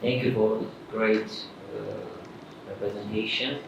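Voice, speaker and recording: Young male audience member, hesitant with fillers, gravelly, far off mic in an echoey hall, dull sound, clear background noise. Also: fairly low pitch, steady tone, slow pace. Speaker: audience member asking a question. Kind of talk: Q&A question. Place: conference hall. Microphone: handheld mic.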